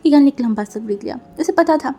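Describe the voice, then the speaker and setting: A woman's voice: high-pitched, expressive, fairly quick, mellow. A woman narrating a fan fiction story aloud in a casual storytelling manner, mixing in English words.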